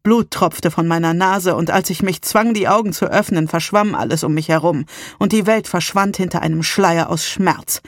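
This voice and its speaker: A woman's voice: on the low side, moderate pace, no echo, clean studio sound. A woman reading a first-person audiobook in a tense, dramatic way, crying out the lines of pain and alarm. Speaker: audiobook narrator.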